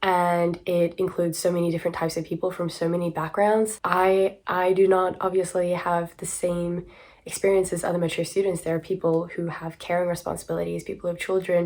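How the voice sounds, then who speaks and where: Woman in her twenties, from South Africa, slightly low pitch, hoarse smoker-like rasp, casual candid vlog talk. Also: level tone, brisk, a little mellow. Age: 20s. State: hoarse from a throat virus. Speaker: student vlogger.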